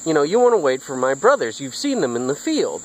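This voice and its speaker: A man's voice: a little high, very animated, fairly quick, low-quality recording. A man voicing a small, clever young billy goat that pleads and persuades. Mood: pleading.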